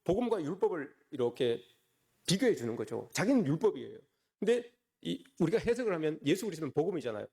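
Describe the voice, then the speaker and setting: Male pastor, sermon delivery, quick and lively, slightly high voice, keeps turning to the congregation with questions. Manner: often addresses the congregation directly with rhetorical questions. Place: church service.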